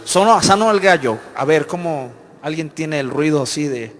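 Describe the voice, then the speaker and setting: A pastor preaching at a Bible study in a fervent, emphatic way, turning to others on stage. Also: male voice, a little high, animated, moderate pace. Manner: fervent, emphatic, acts out quoted voices. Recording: reverberant hall with faint music.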